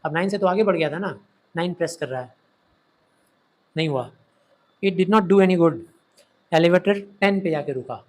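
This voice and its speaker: Man teaching a story, fairly high voice. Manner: retells the story with quick acted quotes, asks and answers his own questions. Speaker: English literature teacher. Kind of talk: explaining a story to students.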